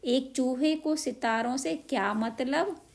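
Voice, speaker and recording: A woman's voice: high voice, slow pace, creaky, heavily acted. A woman voicing a rude male seller of glittering stars in a children's story who mocks a mouse. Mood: mocking. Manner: mocking, shooing.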